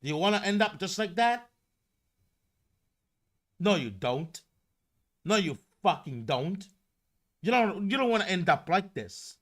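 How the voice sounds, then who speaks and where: A male streamer rants about his industry in a high, bright voice. He takes his time, swears freely and swings his pitch widely as he repeats himself for emphasis. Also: big pitch swings, measured pace, pauses often. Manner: profane, repetitive, heated ranting. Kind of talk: live-stream rant.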